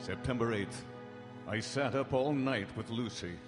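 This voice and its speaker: A grave male doctor played by an actor recounts his journal with solemn, dramatic weight. The delivery is old-time radio horror, measured and anguished, in a reverberant hall. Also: medium pitch, over loud music, close to an everyday voice. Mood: solemn, reassuring. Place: large hall stage before live audience. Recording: echoey hall, live stage broadcast.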